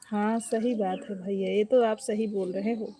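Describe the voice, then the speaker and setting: A woman's voice: medium pitch, fairly even intonation, measured pace, dark tone. Woman hosting an outdoor live stream. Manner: greets viewers by name and fondly asks after their health. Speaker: live-stream host and folk singer. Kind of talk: live-stream chat reading viewer comments. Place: outdoors at home, in the open air. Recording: noisy outdoor phone recording. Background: birds, animals and rural outdoor sounds.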